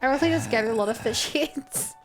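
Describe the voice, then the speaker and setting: A high-voiced woman commentates live on a video game she is playing. She chats to her stream and reads dialogue out, with faint game music behind her. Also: brisk.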